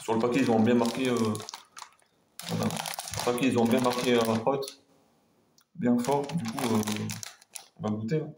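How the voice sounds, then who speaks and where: A man's voice: mid-range voice, fairly even intonation, moderate pace, pauses often. Man vlogging casually in a roomy echo. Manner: hesitant, rambling, repeating himself. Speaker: food taste-test vlogger. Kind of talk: casual chat to viewers. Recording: roomy echo, faint background noise.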